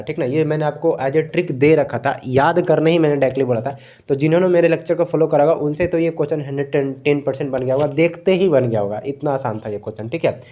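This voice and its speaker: A young male tutor talks through exam answers in a relaxed, easygoing way. His voice is mellow and dark, set a little high for a man. He keeps checking in with his listeners, slipping English words into his speech. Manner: relaxed, repeats "thik hai" often, mixes in English words. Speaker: exam coaching teacher. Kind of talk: casual explanatory lecture.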